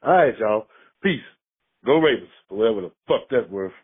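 A man's voice: mid-range voice, animated, normal speed, noisy background. A man from Mississippi, calling in to a sports show and ranting angrily, swearing hard. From Mississippi, USA. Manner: angry, profane, fired-up ranting. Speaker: caller. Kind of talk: call-in sports rant. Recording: phone line.

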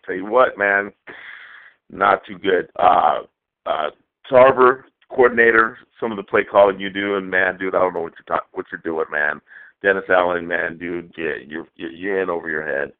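A man's voice: sits low, normal speed. A man from Southern California calling in to a radio show over the phone, ranting angrily with a lot of swearing. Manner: angry profane rant. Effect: call-in phone line. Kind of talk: ranting call-in message. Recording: tinny phone line.

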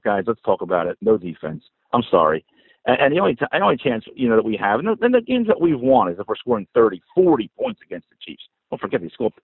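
A man's voice: fairly low pitch, vocal fry, husky. An American man phoning in from inside a car with rain falling on it, talking emphatically and conversationally as a fan caller. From New Jersey, United States. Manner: conversational, emphatic, addressing listeners directly. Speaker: podcast caller. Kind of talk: fan voicemail commentary on football. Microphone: phone call. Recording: roomy, narrow phone-line sound.

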